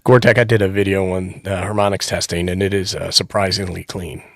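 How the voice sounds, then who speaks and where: A man on a live stream casually discussing handheld radios and his testing, talking in a slightly halting way. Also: deep voice, flat delivery, creaky, dry recording. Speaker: ham radio reviewer.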